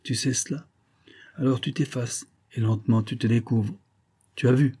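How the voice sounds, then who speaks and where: A man's voice: medium pitch, steady tone, normal speed, warm tone, slightly rough, close to an everyday voice. A man reading an audiobook, voicing a bitter, obsessive middle-aged man who argues insistently that he is wronged. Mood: aggrieved. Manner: agitated, reasoning aloud, insistent.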